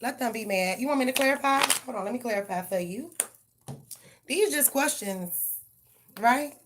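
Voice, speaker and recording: A woman's voice: on the high side, animated, normal speed, a little hiss or hum. Woman, tarot reader; blunt, profane, heated delivery. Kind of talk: live tarot reading and rant.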